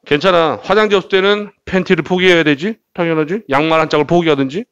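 A man teaching English pronunciation in a lively, joking lecture style, jumping from loud bursts to quiet asides. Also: fairly high pitch, fast, clean tone. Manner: playful, jokey, swings between loud bursts and quiet asides. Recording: dull lo-fi lecture recording.

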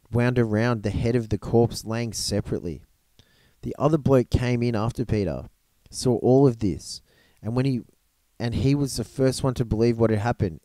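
A man reading a book aloud in an unhurried storytelling manner, with the odd slip and restart. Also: mid-range voice, warm tone, dry recording. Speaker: reader of a storybook gospel.

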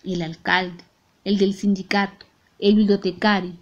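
A woman's voice: mid-range voice, little pitch movement, unhurried, muffled recording. Latin American Spanish woman reading an audiobook. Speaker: audiobook narrator.

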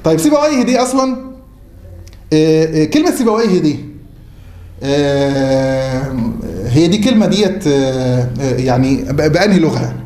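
An Egyptian-accented teacher with a slightly high, darkish voice lectures at a moderate pace, expressive and prone to long pauses. He asks the class questions and then answers them on his own. Recorded in a roomy classroom or mosque hall, faint noise is audible.

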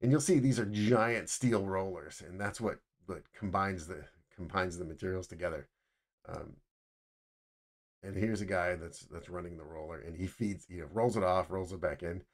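Low-voiced man explaining factory slides. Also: moderate pace. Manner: casual, explanatory, many restarts. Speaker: footwear design instructor. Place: indoors, webcam over slides.

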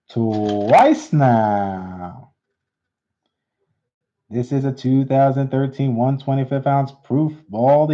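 A man runs a live coin auction, calling and repeating each bid in steady patter. His voice sounds mellow and unhurried. The stream audio is dull and lo-fi. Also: mid-range voice. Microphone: unseen, hands on camera.

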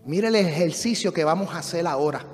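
A male pastor preaching a fervent sermon in a church, swinging between shouted refrains and hushed teaching. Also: on the high side, animated, brisk. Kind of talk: passionate Spanish sermon. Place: church sanctuary. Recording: reverberant church hall with music.

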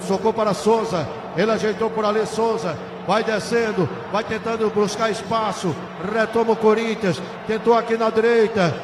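A man with a Brazilian accent doing colloquial, excitable football narration on radio, full of stock catchphrases. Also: high voice. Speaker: play-by-play football commentator. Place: open stadium press stand. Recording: noisy, echoey live stadium recording. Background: stadium crowd ambience.

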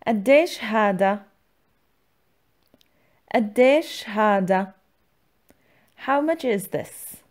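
A woman with a mid-range voice narrates a language lesson as its host. Her delivery is scripted and instructional, with words and example phrases clearly enunciated for learners. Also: medium pitch, expressive, takes it slowly, pauses often. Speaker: language teacher, channel host.

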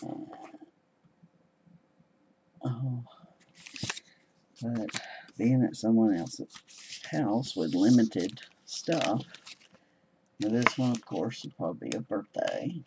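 A man's voice: fairly low pitch, very animated, slow pace, creaky, pauses often, background noise. A man casually showing his handmade cards, rambling and hesitant with many ums. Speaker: crafting vlogger. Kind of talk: casual show-and-tell chat.

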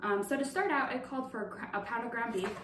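This young woman's voice sits on the high side and moves quickly as she casually demonstrates a recipe at home, filling her step-by-step explanation with fillers. Background noise is present, and the sound is roomy and distant, coming from a far tripod camera.

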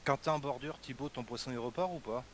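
A man's voice: medium pitch, fast talker, a bit bright, a little hiss or hum, low-quality recording. A man chatting and teasing his friends over voice chat while playing a fishing game. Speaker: gamer commentating. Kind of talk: casual group chat over voice call.

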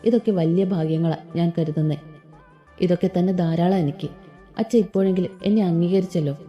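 A woman's voice: fairly low pitch, a little fast, close to an everyday voice. A woman reading a humble teenage girl. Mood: earnest. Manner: earnest, modest. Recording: slightly dull with soft background music.

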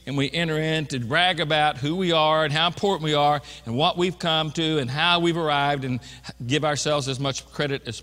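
A man's voice: a little high, bright, forceful tone, big-room sound. A man preaching an earnest, emphatic sermon in a church, often restarting his phrases. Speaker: pastor. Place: church sanctuary.

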